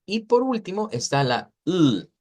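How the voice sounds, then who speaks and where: In an online class lecture, a man with an expressive, mid-range voice explains English phonetics. He checks in with his students often and slows down to model the sounds.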